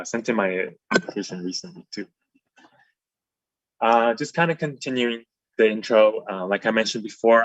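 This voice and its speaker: A Taiwanese dental resident in his twenties gives an easygoing, informal slide presentation over a video call, with many ums and uhs. His voice is on the low side with a fairly bright tone, and the recording is rough but has no echo.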